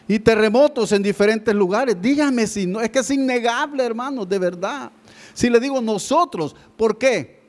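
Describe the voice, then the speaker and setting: A pastor preaching a sermon, who keeps calling his listeners brother and swings between loud appeals and hushed words. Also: high-pitched.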